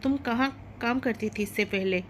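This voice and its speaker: A woman voicing a brisk, wealthy young lady of the house in a storybook narration, giving instructions. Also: a little high, a little hiss or hum, lightly acted.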